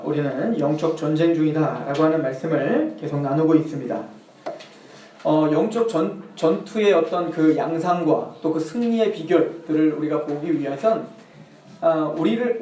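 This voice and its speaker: A man's voice: on the high side, moderate pace, a little mellow, reverberant, distant mic, a little hiss or hum. A male pastor preaching a sermon, acting out the tempter's taunts in a mocking, questioning voice. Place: church sanctuary.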